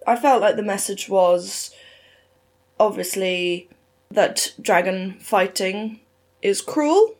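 A woman's voice: medium pitch, takes it slowly. Easygoing woman book podcast co-host. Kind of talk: casual book chat.

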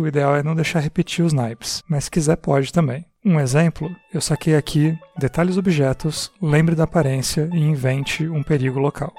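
A man with a Brazilian accent, a game creator appearing as a podcast guest, delivers a prepared, explanatory monologue. His voice is fairly high in pitch with a darkish tone.

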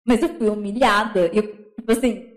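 A young woman telling a personal story in casual chat, animated, acting out other people's words. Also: medium pitch, normal speed, echoey room, low-quality recording. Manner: animated, acts out quoted voices. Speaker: guest.

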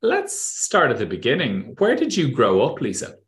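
A man's voice: mid-range voice, huge pitch swings, normal speed, a bit bright, echoey room. A man hosting an interview podcast, asking chatty, friendly questions with some restarts. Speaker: podcast host.

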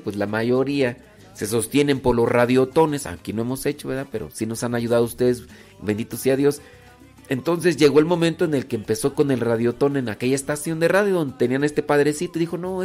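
A man's voice: mid-range voice, darkish tone. A man from Mexico with a rural ranchero Mexican accent, hosting a radio show in a casual, rambling way, full of fillers and restarts. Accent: Mexican, rural ranchero speech. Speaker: radio host. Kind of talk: casual radio talk to listeners.

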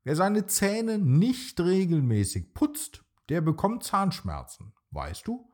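A man voicing a small, eager boy dinosaur in a bedtime storybook, with an excited, pleading childlike voice. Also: high-pitched, slow, pitched above the performer's own voice, heavily acted. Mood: cheerful.

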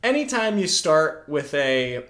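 Wry, sarcastic man with a slightly high voice. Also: sing-song, takes it slowly, a bit bright. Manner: wry, sarcastic, mock-lecturing. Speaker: podcast co-host. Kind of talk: casual comedic movie chat. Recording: roomy echo.

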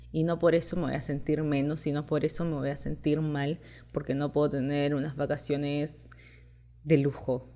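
A young woman with Peruvian and Chilean roots, raised in Chile, hosts a podcast and shares personal stories in a chatty, confiding style, laughing often. Her voice sits low and sounds warm.

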